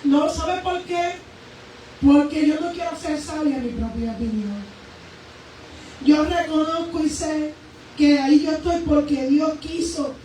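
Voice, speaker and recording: High-voiced woman preaching in echoey church. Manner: fervent, emphatic preaching that swings between raised and hushed. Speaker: preacher giving a testimony. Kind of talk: sermon testimony. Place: church sanctuary. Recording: very echoey church hall, voice from far off, faint noise.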